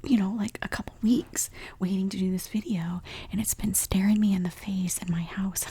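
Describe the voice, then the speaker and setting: A woman speaking in a soft, whispery ASMR voice, chatting casually and telling a story while she eats at home. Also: mid-range voice, steady tone, breathy edge. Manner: whispery, soft and unhurried, with frequent small laughs. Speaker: ASMR creator. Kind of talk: soft-spoken ASMR mukbang.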